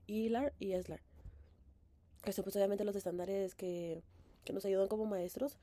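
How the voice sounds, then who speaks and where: A woman's voice: mid-range voice, dark tone. A young woman with a mid-range voice recaps a course in a student presentation. She talks with plenty of fillers and restarts, and often checks in with a questioning "right?". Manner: hesitant, many fillers and self-corrections. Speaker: bilingual education student presenting.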